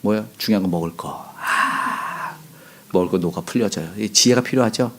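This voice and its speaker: A middle-aged male pastor giving a conversational sermon, asking the congregation questions and acting out quoted lines with sudden loud bursts. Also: lowish voice, fast.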